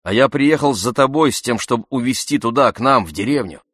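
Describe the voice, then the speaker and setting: Man doing an insistent, forceful friend. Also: medium pitch, lively intonation, brisk, dry recording, clean studio sound. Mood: urging. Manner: emphatic, urging, loud.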